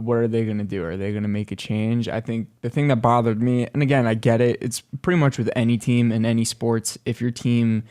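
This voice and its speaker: A man's voice: on the low side, darkish tone, clear, resonant tone. A man hosting a casual sports talk show, laid-back and agreeable, with plenty of casual slang. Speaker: host.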